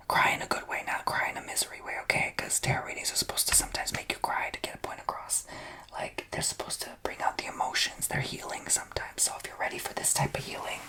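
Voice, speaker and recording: A woman tarot reader giving a sassy, blunt reading, almost entirely in a whisper that often rises to a whisper-shout. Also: rough recording.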